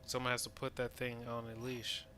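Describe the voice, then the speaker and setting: An actor playing a weary, frank medical researcher in a video game, recording a log in a measured, clinical way with blunt exasperation. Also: male voice, medium pitch, completely flat delivery, bright, forceful tone, a little hiss or hum, natural voice. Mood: uneasy exasperation. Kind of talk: dramatic scripted log monologue.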